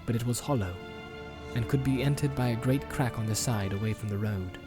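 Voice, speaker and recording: A male narrator reading a fantasy audiobook in calm, even storytelling. His voice sits at an ordinary middle pitch. Faint music runs quietly beneath him. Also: fairly quick. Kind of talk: scripted narration.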